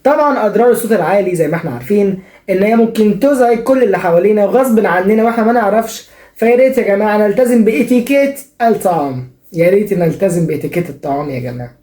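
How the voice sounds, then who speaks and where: A young man with an Egyptian Arabic accent hosts a comic advice show at a quick clip, teasing and playfully sarcastic. His voice is mellow and relaxed. The room adds a noticeable echo. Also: high-pitched. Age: young adult. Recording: echoey room.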